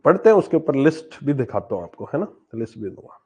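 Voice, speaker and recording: A man's voice: mid-range voice, very animated, quick pace, dark tone, breathy edge. A man teaching a banking exam class live online, talking casually and answering students' chat questions as he goes.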